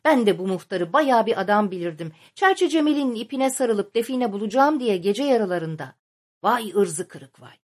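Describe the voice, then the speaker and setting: A woman's voice: medium pitch, animated, normal speed, darkish tone, natural voice. A woman reading the lines of an angry male village headman in an audiobook, muttering curses and threats. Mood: grumbling, vengeful.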